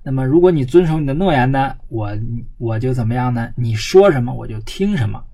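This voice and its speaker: Husky-voiced man explaining an old text. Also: medium pitch, animated, dark tone, poor audio. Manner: asks himself questions and answers them, with many drawn-out filler particles; reads the old text slowly, then explains it in plain speech. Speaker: lecturer on classical Chinese history. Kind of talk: explaining a classical text line by line.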